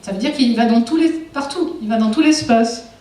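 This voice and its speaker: A woman's voice: a little high, moderate pace, mellow. A woman giving a public lecture, engaging the audience with frequent rhetorical questions. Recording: echoey hall, far from mic.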